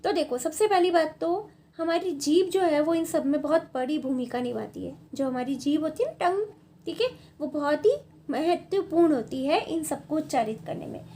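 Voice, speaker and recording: A woman with a notably high voice teaches a grammar class at a board. She talks patiently, repeating points and checking in with the students. Her delivery sounds like a lesson that is walked through step by step. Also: warm tone, a little hiss or hum. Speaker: Sanskrit teacher.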